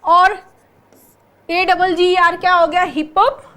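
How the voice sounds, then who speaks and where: Very high-voiced woman teaching slowly. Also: flat delivery, fairly bright tone. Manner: explains patiently, quizzes with rhetorical questions; spells words out letter by letter. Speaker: English teacher for exam prep. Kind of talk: online exam-prep class.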